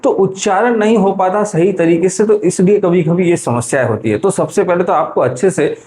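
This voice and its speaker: A man with a fairly high voice leads an English literature lesson. He explains step by step and catches his own slips along the way. A faint noise sits under his voice. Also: normal speed, a little mellow. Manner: self-correcting, repeats "ठीक है" often. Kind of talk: explanatory lecture.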